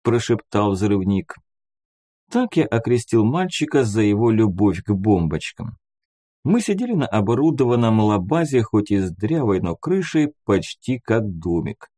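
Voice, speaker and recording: Low, mellow male audiobook narrator. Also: dry recording, clean studio sound. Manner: first-person storytelling, lively intonation. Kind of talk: scripted narration.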